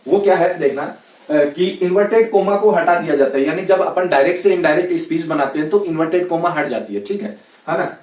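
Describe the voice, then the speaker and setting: A man's voice: on the high side, brisk, a little mellow. A man with a Rajasthani Hindi accent teaching English grammar in a casual classroom lecture, chatty and constantly checking in with "okay, right?". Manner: chatty, repeats "ठीक है, है ना" constantly. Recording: echoey room, voice a bit far from the mic.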